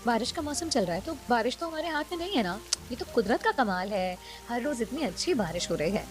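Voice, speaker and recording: A woman voicing a young daughter-in-law in a cartoon story, who mutters complaints to herself in a high voice. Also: big pitch swings, a little fast, faint music behind. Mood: sweet. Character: young daughter-in-law, sleepy and quietly grumbling.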